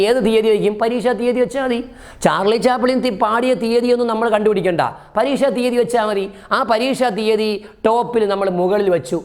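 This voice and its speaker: Higher-pitched man teaching. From Kerala, India. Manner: explanatory, asks questions and answers them himself. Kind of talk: exam-prep Hindi lesson, explained in Malayalam.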